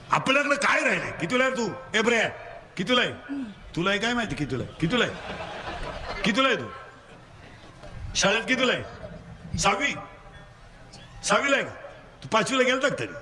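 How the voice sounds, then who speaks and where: A man with a Marathi accent preaching a comic kirtan sermon, teasing the audience and making them shout answers back. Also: high voice, sing-song. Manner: rapid call-and-response, drilling the crowd to answer; teasing, scolding schoolboys.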